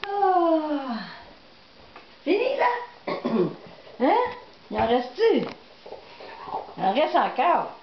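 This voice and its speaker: A Québécois woman coos at her dog in a high, slow, doting baby-talk voice, laughing as she goes. The sound is dull and echoey, with steady noise behind her. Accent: Québécois French. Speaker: dog owner. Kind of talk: home video talking to her dog. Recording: echoey, dull, noisy home recording.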